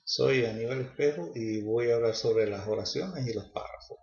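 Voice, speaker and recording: A man's voice: mid-range voice, normal speed, darkish tone. Male student presenter, hesitant and filler-laden, echoey dull lo-fi recording. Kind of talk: class presentation.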